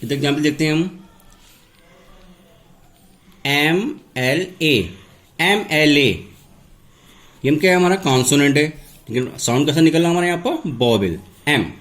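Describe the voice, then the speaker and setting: A man teaching English grammar. He asks a question and then answers it himself. He repeats each key word slowly, like a classroom teacher. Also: a little high, expressive, a bit bright. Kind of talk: classroom lesson, step-by-step explanation.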